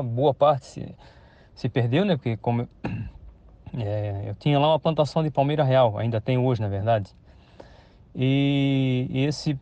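The voice is fairly high and warm, with no echo: a Brazilian farmer from Santa Catarina, aged in his 50s, recounting his story casually for a radio interview. The audio is dull and lo-fi, and his telling is hesitant, with many restarts and tag questions.

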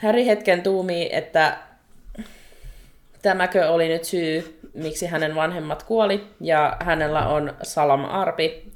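A woman with a notably low voice co-hosts a chatty podcast, walking through a book chapter. She talks in an animated, exasperated way and breaks into quick laughter. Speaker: podcast co-host. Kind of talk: casual chat retelling a book chapter.

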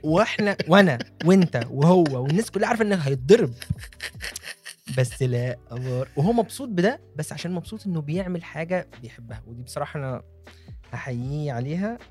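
A man's voice: a little high, lively intonation, fast, darkish tone, soft background music. A man with an Egyptian accent in casual comic chat, with a teasing, mock-aggrieved way of talking.

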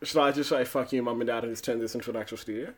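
A man's voice: medium pitch, steady tone, rapid-fire. A giggly young man co-hosting a podcast with casual banter, recorded inside a closet. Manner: giggly, laughs often while talking. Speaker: podcast co-host.

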